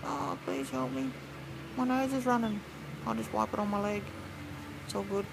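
A man puts on a pitiful, meek Australian bloke for a silly mismatched redub. The voice sits fairly high with a creaky edge, mumbling apologies and pleas. There is clear noise on the amateur recording. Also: fairly even intonation, moderate pace. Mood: pitiful, whiny. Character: whiny, meek, hard-up bloke pleading on the street. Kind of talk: silly mismatched comic redub of distant people.

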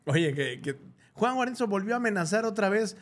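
In a podcast studio, a young man with a Mexican accent co-hosts a show, his high-pitched, expressive voice running a little fast. His chat is casual, slangy, and jokey, and he laughs often.

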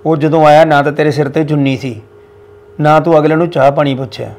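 Stern older village patriarch, played by a man, Punjabi accent, high-pitched scolding. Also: steady tone, fairly quick, a little mellow, close to an everyday voice. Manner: scolding, lecturing. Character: older village father-in-law, stern about family honour. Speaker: father-in-law in a village family.

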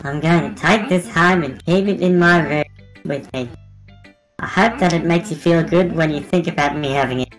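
A woman plays a shy, obsessive schoolgirl in a visual novel game. The voice is low, hesitant and intensely adoring, with music softly behind it. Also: moderate pace, close to an everyday voice, rough recording. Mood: creepy, obsessive. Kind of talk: visual novel character dubbing.

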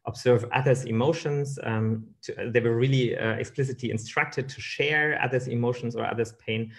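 A man in his thirties giving a keynote lecture over slides from a room on a webcam, with many fillers and restarts. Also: fairly low pitch. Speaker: keynote speaker.

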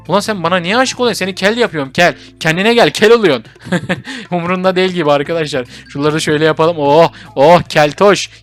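A young man with a high voice jokes his way through a VR game and teases the characters while he talks to his viewers. Soft game music plays faintly behind him. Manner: playful, teasing the fruit patients, chatty with viewers. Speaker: gaming YouTuber. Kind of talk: VR game commentary.

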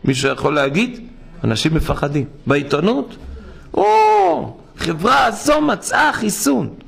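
Impassioned preaching rabbi, gravelly voice. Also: male voice, very animated. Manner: impassioned preaching, swinging between low murmurs and high cries. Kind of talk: sermon. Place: synagogue hall.

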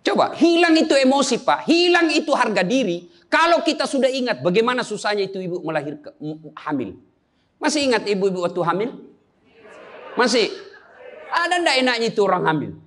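A man's voice: very high-pitched, big pitch swings, brisk, a bit bright. A man preaching a humorous sermon, joking with the crowd and quizzing them with questions. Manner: joking, chatty, quizzes the audience. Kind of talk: humorous sermon to a live audience.

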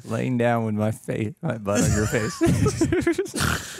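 A man's voice: medium pitch, wildly swooping pitch, takes it slowly, vocal fry, darkish tone, slightly rough, no echo, faint music behind. A young man co-hosting a reaction show, casually chatting with crude jokes and laughter. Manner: joking, crude banter with laughter. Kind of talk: casual chat.

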